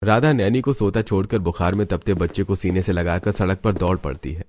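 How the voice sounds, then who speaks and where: A man narrates a cartoon story in a steady, even way. His voice sits very low. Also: brisk, dry recording, clean studio sound. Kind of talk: scripted narration.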